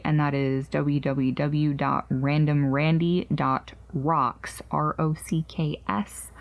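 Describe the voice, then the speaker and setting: Chatty gravelly-voiced woman host. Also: lowish voice, dull audio. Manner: chatty, rambling, jokingly refers to herself in third person. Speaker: podcast host. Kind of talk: casual chat about crochet projects.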